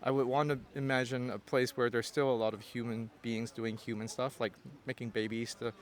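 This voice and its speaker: A Cantonese-speaking guest from Hong Kong, with a Hong Kong accent, answers festival interview questions in a fairly quick, flat, mid-range voice. His replies are thoughtful but hesitant, peppered with fillers and false starts.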